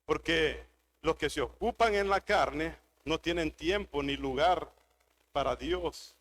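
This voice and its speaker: A pastor preaching a sermon, driving points home with emphatic repetition. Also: male voice, fairly high pitch, slow, fairly bright tone.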